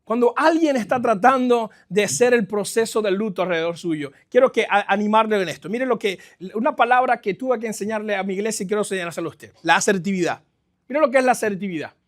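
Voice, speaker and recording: Male pastor, middle-aged, very high voice; lively sermon delivery with sharp shifts in volume, some English phrases mixed in. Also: quick pace. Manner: lively preaching, swings between loud exclamations and quiet stretches; mixes English phrases into his speech. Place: church.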